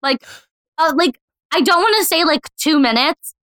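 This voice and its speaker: A young adult woman co-hosting a podcast, telling a story in an animated casual chat, full of "like" and acted-out quotes. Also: high voice, normal speed, no room sound. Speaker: podcast co-host.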